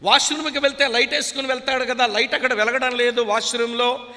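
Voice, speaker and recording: A man's voice: very high-pitched, little pitch movement, fast talker, bright, forceful tone, long reverb tail. A man from Srikakulam preaching a sermon in an impassioned way, repeatedly urging his listeners to listen. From Srikakulam, India.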